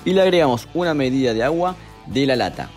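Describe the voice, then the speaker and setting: A young man, calmly narrating a cooking recipe step by step as a voice-over, with music behind him. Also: mid-range voice, fast. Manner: calm step-by-step instructions. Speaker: cooking channel host.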